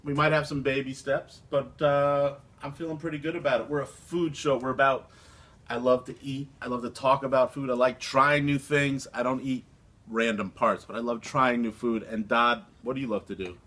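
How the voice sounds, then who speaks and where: A man's voice: medium pitch, steady tone, normal speed, a bit bright. Guy hosting, showy goofy intro, swears, mid voice. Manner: mock showy, profane. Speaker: host. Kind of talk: comic talk show intro.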